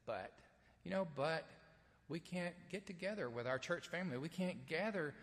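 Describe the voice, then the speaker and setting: Streamed live from a church sanctuary, a Southern-accented pastor delivers an Easter sermon and reads from scripture, folksy and conversational and full of ums and uhs. His voice sits on the high side, animated at a moderate pace. A long reverb tail follows his words.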